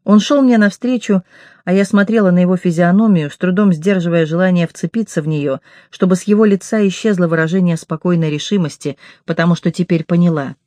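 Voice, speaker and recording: A woman reading a first-person novel aloud in a measured, intimate storytelling manner. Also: lowish voice, dark tone, no echo. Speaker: audiobook reader. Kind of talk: first-person audiobook narration.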